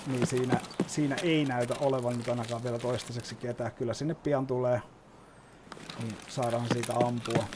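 A man's voice: medium pitch, background noise. A man giving casual gameplay commentary, explaining as he plays and swearing often. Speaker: gaming YouTuber.

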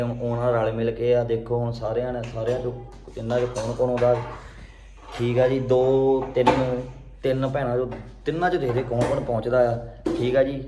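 A young man with a Punjabi accent and a mid-pitched voice chats to viewers as a vlog host. The room is echoey, with faint noise behind him. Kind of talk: casual vlog talk to viewers.

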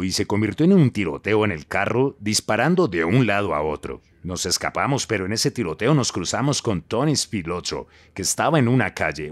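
A man's voice: low voice, no room sound. An older man being interviewed, telling blunt, crude stories full of quoted dialogue. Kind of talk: storytelling interview.

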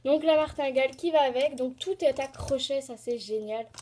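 A teenage girl chatting excitedly in a casual show-and-tell vlog, rambling with lots of hesitations and fillers. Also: high voice, normal speed. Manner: excited, gushing. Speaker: horse-riding vlogger.

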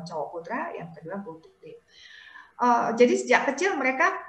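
A middle-aged woman speaks as a parenting motivator, telling anecdotes and filling her pauses with "eh". Her voice sits a little high. The video-call audio carries a roomy echo. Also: a bit bright. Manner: anecdotal, frequent "eh" fillers, chuckles mid-sentence. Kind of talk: talk show storytelling.

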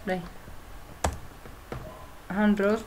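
A woman's voice: mid-range voice, flat delivery, very slow, darkish tone, a little hiss or hum. A woman teaching English grammar, working through answers step by step in a methodical way, with frequent fillers and self-corrections. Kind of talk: explaining grammar exercises.

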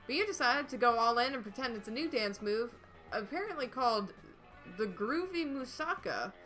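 A woman's voice: fairly high pitch, animated, moderate pace, a bit bright, soft background music. A woman narrating a dating game on a stream, reading the text in a playful, upbeat way with dry asides.

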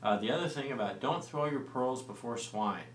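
A man in his forties explaining early church history in a studio discussion, relaxed and full of fillers and restarts. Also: mid-range voice, normal speed. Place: small studio set with lamp and plants. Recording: roomy and distant-sounding with faint noise.

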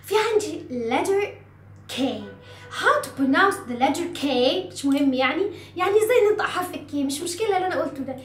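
A woman's voice: very high-pitched, expressive, brisk, soft background music. A woman with an Egyptian Arabic accent teaching English words to first graders. She coaxes and plays with them, drilling each word again and again. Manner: drills words with many repetitions, coaxing and playful. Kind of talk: animated lesson to children. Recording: echoey room, mic at a distance.

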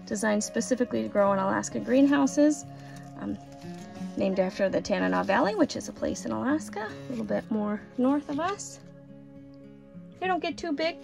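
A woman's voice: on the high side, vocal fry, rough recording. A woman filming a casual garden tour on her phone outdoors, chatty and cheerful, exclaiming over her plants. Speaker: homesteading vlogger.

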